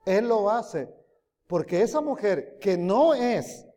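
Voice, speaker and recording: A man preaching a sermon, emphatic, swinging between loud rises and quiet drops, often asking his listeners questions. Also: high voice, sing-song, slow. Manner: emphatic, rising and dropping loudly, asks the audience questions. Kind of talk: sermon teaching. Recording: long hall reverb.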